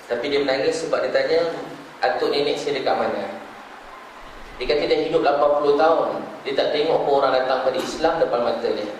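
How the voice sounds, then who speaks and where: A man's voice: mid-range voice, quick pace, few pauses, slight background noise. A man with a Malaysian Malay accent preaching a sermon as a storyteller, repeating phrases for emphasis, recorded in a large hall. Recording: echoey hall, speaker far from mic.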